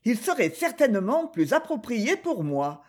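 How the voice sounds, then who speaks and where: A man voicing a cool, contemptuous high-society lady detective in an audiobook. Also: very animated, moderate pace, heavily acted. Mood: cold, scornful.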